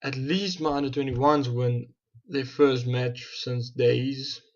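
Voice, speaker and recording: A young man with a South African accent, voice medium-pitched and a little mellow with the highs cut off, casually comments on his football management game for his gaming channel. He thinks aloud, restarting and correcting himself frequently.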